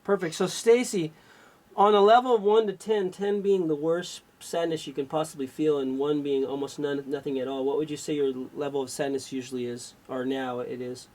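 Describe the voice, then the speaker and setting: A man's voice: fairly high pitch, fairly even intonation, fairly quick, a little mellow. A man working as an energy healer on a radio call-in show, talking in an instructive way. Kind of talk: call-in healing session.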